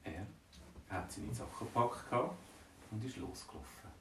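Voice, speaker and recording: Animated Swiss German storyteller. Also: male voice, lowish voice, normal speed, slight background noise. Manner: playful, animated telling. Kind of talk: improvised bedtime story. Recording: roomy, distant from mic.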